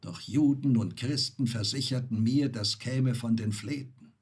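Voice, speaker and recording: A man voicing a weary, mocking knight back from his travels, recited slowly and dryly as poetry. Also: mid-range voice, darkish tone, slightly rough. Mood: wry. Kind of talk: poetry reading.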